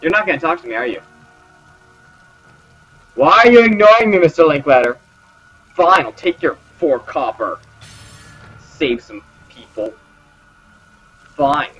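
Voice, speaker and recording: A man's voice: a little high, lively intonation, measured pace, pauses often, a bit bright, husky. A man commentating his gameplay, sarcastic and joking as he talks to the characters. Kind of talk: let's play commentary. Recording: slightly dull with game music.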